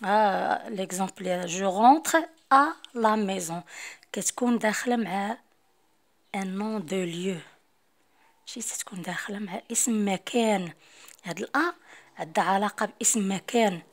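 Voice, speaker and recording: A woman with a Moroccan accent teaching a French lesson, explaining rules and mixing Arabic and French. She reads French examples slowly and deliberately. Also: mid-range voice. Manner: slow, deliberate dictation when reading French rules; mixes formal Arabic with Moroccan Arabic and French terms.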